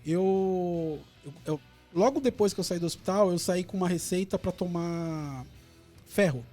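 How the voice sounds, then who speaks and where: A Brazilian man guest recounting his own story in a radio studio, animated and repetitive. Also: high-pitched, unhurried, faint music behind. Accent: Brazilian Portuguese.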